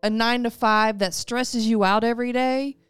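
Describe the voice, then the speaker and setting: A woman's voice: on the high side, fairly even intonation, normal speed, clear, resonant tone, dry recording, faint music behind. A woman in her forties hosting a casual interview, upbeat and affirming, often laughing along with her guest. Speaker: host.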